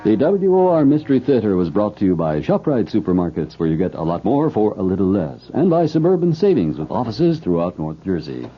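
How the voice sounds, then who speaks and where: A man's voice: on the low side, very animated, brisk, few pauses, faint music behind. A man working as a radio announcer, reading sponsor credits in a formal broadcast style. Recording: dull old radio broadcast.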